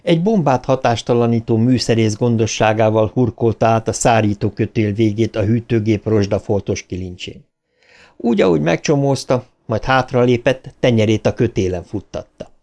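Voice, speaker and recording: A man reading a horror novel aloud as an audiobook narrator, measured and dramatic. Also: lowish voice, a little mellow. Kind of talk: scripted narration.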